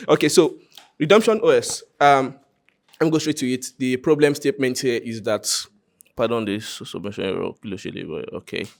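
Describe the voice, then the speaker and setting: Gravelly and medium-pitched, this man talks fairly quickly. He's a Nigerian content creator casually presenting a hackathon project live, with jokes and direct remarks to his listeners.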